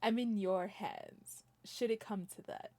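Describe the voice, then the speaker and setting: A woman voicing a weary, wry male game character in trouble, quiet and dry. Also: medium pitch, steady tone, a little slow, voice pushed down, lightly acted.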